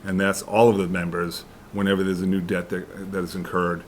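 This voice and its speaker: A man explaining school costs at a town board meeting, halting and restarting as he goes. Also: deep voice, level tone, slight background noise. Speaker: school official presenting to select board. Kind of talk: public meeting presentation.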